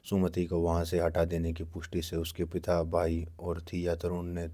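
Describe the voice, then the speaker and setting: A man reads a book aloud at a measured, steady pace. His voice is very deep and dark, and his intonation stays almost flat throughout. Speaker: reader.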